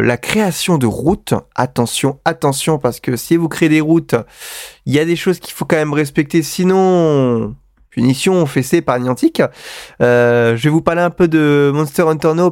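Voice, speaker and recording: A man's voice: mid-range voice, a little mellow, no echo, studio quality. A man hosting a live web radio show, chatty and self-mocking, rambling with many fillers. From France. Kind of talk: casual live radio monologue.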